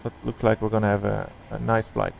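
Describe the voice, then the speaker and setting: A man's voice: fairly low pitch, flat delivery, brisk, vocal fry, faint music behind, poor audio. A man giving casual running commentary on a simulated flight, thinking aloud in short fragments.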